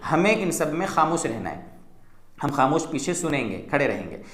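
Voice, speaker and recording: A man's voice: on the high side, sing-song, moderate pace, fairly bright tone, reverberant. A man explaining step by step how to pray as a mufti, in a patient teaching manner, often checking in with "theek hai.". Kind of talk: religious instruction talk.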